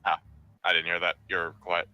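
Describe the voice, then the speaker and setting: A man's voice: deep voice, level tone, moderate pace, pushed and bright, clean tone, low-quality recording. A man taking part in a tabletop game, teasing and laid-back. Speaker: player. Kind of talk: casual game chat.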